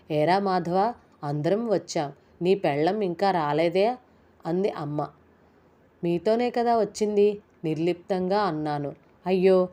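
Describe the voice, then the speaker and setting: A woman narrating a romantic fiction story in a calm, measured storybook reading. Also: fairly low pitch.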